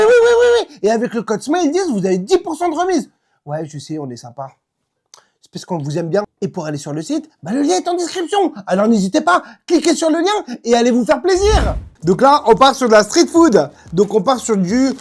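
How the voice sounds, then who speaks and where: A woman's voice: medium pitch, a little mellow. A woman giving casual, chatty and emphatic tasting commentary in colloquial speech. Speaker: host of food tasting video. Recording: music playing behind.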